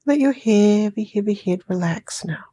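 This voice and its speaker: A New Zealand-accented woman runs a sleep hypnosis session using slow, gentle, stretched-out phrasing that occasionally becomes a whisper. She sounds mellow and expressive, her voice mid-range.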